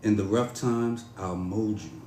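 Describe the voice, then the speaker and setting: A man performing a spoken-word poem to a woman in a measured, dramatic, pleading delivery. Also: lowish voice, steady tone, mellow, slight background noise. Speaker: podcast host performing a poem. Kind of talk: spoken-word poetry recital. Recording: roomy echo.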